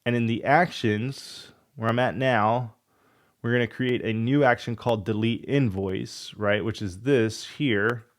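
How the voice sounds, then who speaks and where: With a medium-pitched, fairly even and slightly slow delivery, this coding tutorial host is losing his voice to a cold. His walkthrough is casual, full of thinking aloud and frustrated muttering as he debugs.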